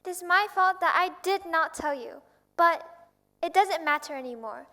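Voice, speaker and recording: A woman's voice: very high voice, expressive, normal speed, bright, forceful tone, exaggerated voice. A woman acting a proud, tender rose on a school auditorium stage, speaking wistfully. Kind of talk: stage play performance.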